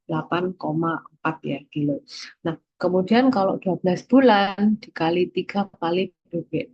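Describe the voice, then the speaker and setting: Woman, lecturer, low husky voice, patient step-by-step explaining, dry muffled recording. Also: normal speed, dry recording. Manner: explains step by step, checks in with frequent "ya".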